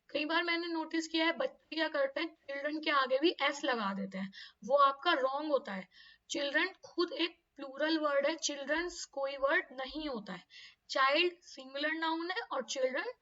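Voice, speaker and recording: High-voiced woman teaching grammar to kids. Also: normal speed, sharp tone. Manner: patient, spelling out words letter by letter. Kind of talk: explaining an English grammar lesson for kids. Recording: distant, dull lo-fi audio.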